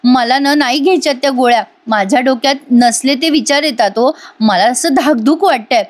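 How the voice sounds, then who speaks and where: A woman's voice: sits high, a little fast, close to an everyday voice. A woman voicing a worried middle-aged mother from a TV serial, speaking in a fretful, pleading way. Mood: anxious.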